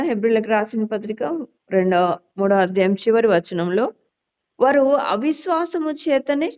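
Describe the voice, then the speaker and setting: A woman preaching a scripture lesson, reading verses slowly and then turning to question her listeners. Her voice sits at a middle pitch. The recording is dull and lo-fi. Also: gravelly, a little mellow. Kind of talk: Bible teaching sermon.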